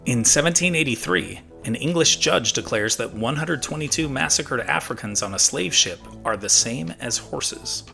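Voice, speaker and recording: A middle-aged man from the United States hosting a history show, reading scripted narration in a crisp, presentational way. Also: medium pitch, lively intonation, normal speed, few pauses, bright, forceful tone. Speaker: host of a daily history show. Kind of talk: scripted narration for online video. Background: background music.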